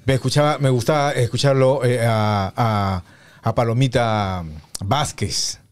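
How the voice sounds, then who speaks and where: Reflective radio man, mid pitch. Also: clear, resonant tone. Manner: unhurried, reflective, many fillers. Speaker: radio announcer. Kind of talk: casual reminiscing conversation.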